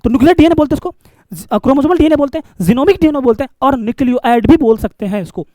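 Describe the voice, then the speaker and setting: Fast-talking male teacher. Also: extremely high pitch, animated, warm tone, dry recording. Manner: coaxing, asks the class questions and repeats key terms. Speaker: biology teacher. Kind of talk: classroom lecture.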